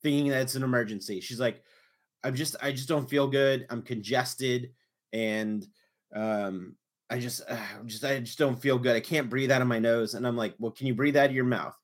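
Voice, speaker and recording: A man hosting a podcast, telling a story with animated, exasperated retelling in casual chat. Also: mid-range voice, moderate pace. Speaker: podcast host.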